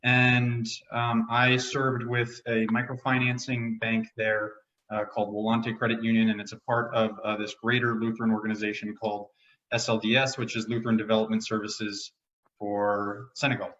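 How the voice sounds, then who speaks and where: A man from Colorado introducing himself in an online presentation, relaxed and unhurried. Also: lowish voice, roomy sound, dull audio. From Colorado, USA.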